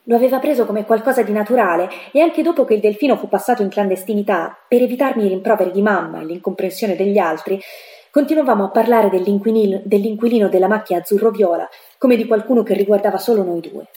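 A woman reading a novel aloud in calm, even first-person narration. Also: medium pitch, fast talker. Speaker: reader. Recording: echoey room.

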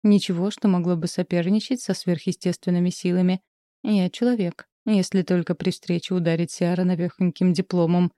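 A woman narrating a first-person storybook with lively storytelling. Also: fairly low pitch, a little fast, no room sound, clean studio sound. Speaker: audiobook narrator.

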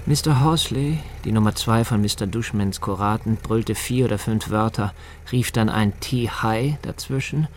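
A man narrating a literary radio drama in a measured, even way. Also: on the low side, slight background noise.

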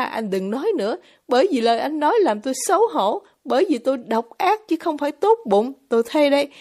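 A woman's voice: high voice, darkish tone, voice pushed up. A woman voicing a passionate young woman in an audiobook, speaking with heightened, pleading emotion. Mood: vehement. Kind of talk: audiobook character reading.

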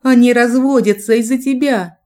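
Woman doing a ringing high teen girl, shrieking, furious, audiobook. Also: steady tone, normal speed, dark tone, close to an everyday voice. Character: shrill furious teenage daughter.

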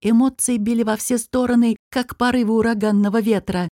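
A woman narrating an audiobook with an even, expressive reading. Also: fairly high pitch, brisk, no room sound, studio quality.

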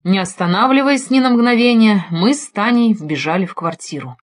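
A woman reading a first-person detective audiobook in an expressive storytelling manner. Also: mid-range voice, moderate pace. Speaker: audiobook reader. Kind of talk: first-person scripted narration.

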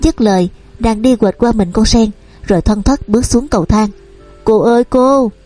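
A woman narrating a novel aloud in a steady storytelling manner. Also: on the high side, normal speed, dry recording, faint music behind. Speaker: audiobook narrator.

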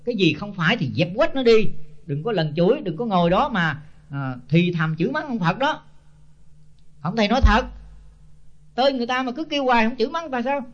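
An older man, a senior Buddhist monk giving a blunt, scolding sermon full of rhetorical questions. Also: high voice. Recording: dull lo-fi tape.

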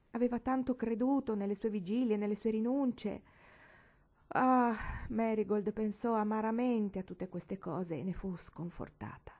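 A woman reading a novel aloud with expressive narration, lifting her voice for emphasis. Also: medium pitch. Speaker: audiobook reader. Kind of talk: audiobook narration.

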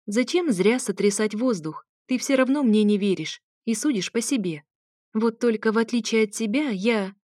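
A woman's voice: a little high, moderate pace, darkish tone, no echo, clean studio sound, pitched above the performer's own voice, lightly acted. A woman voicing a cool-tempered young woman who answers her ex curtly and coos over her cat. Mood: weary. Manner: cold and curt, tender to the cat.

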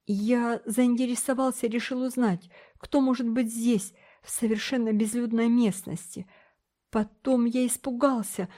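A woman's voice: fairly even intonation, measured pace, dark tone, natural voice. A woman voicing a frightened teenage boy who pleads and protests in a raised, breathless voice. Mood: pleading. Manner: breathless, high pleading cries.

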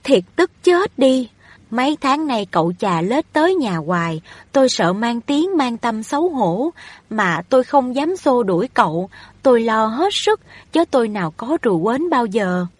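A humble, poor widowed peasant mother from a storybook, anxious and pleading with her landlord's daughter, as a woman reader acts her out. Her voice has a husky, slightly raised tone, recorded close and dry. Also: a little high, big pitch swings, moderate pace, dry recording. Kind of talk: audiobook reading of a novel.

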